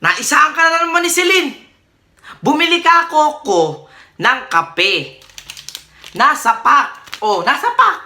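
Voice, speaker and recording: A woman performing comedy sketches, switching between characters and often shouting and laughing. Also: high-pitched, big pitch swings, unhurried. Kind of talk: one-person comedy skits, playing every role.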